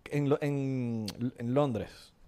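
A man's voice: mid-range voice, fairly even intonation, very slow, dark tone, clear, resonant tone. A young man with a Venezuelan accent, co-hosting a casual podcast and teasing his partner in playful banter. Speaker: podcast co-host. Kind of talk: casual chat.

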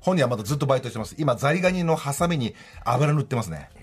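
A man's voice: mid-range voice, noisy background. A man in his forties from Aomori, a guest on a radio talk show, telling stories eagerly and laughing often. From Aomori, Japan. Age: 40s. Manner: excitable, laughs often, fast eager storytelling. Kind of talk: casual radio chat.

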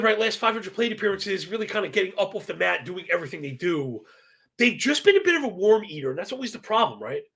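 A high-voiced man with heavy creak and a bit of brightness hosts a live stream as a sports betting analyst, running through baseball betting picks. Slangy yet self-described as professorial, he rattles off statistics casually and keeps tacking on a quick "right?".

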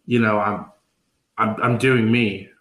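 A man's voice: fairly low pitch, fairly even intonation, slow, a bit bright. A man in his twenties hosting a podcast, talking in a laid-back, joking way with trailing fillers. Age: 20s. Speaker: podcast host. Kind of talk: casual podcast chat. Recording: roomy echo.

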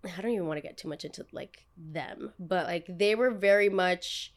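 A young woman with a New Jersey accent chats casually as a podcast host and content creator, blunt, emphatic and full of slang. Her voice sits lowish and she talks at a moderate pace.

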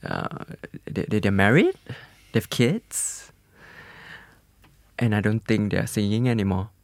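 A man's voice: on the low side, measured pace, no echo. Malaysian guy just chatting, slangy english n malay mixed, pretty dry recording. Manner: animated, informal code-switching with Malay particles. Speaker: podcast guest, singer and actor.

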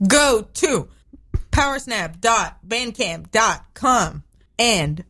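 A woman musician from Israel with an Israeli accent, chatting as a guest on a radio show, bubbly and quick to laugh. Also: a little high, animated, fairly bright tone. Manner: bubbly, laughing, rapid asides. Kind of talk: casual interview chat. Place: radio studio.

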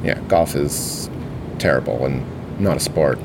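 A man co-hosting a casual sports podcast, dry and understated with hesitant fillers, heard over a low-quality audio stream. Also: unhurried, gravelly, background noise. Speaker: podcast co-host.

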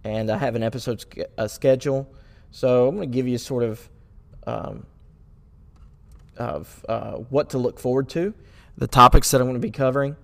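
A man hosts his own podcast in an earnest, searching way, firing off rhetorical questions and stumbling through fillers and restarts. His voice sits at an ordinary middle pitch. The sound is dry, with no room around it. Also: moderate pace, vocal fry, long pauses, fairly bright tone, dry recording. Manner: sarcastic at times. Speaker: podcast host. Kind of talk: solo podcast commentary.

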